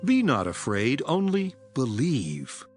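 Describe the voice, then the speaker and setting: An actor playing Jesus as a calm, authoritative and compassionate healer, speaking solemnly in dramatized scripture. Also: male voice, medium pitch. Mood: firm. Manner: solemn, deliberate. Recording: loud music behind the voice. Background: music.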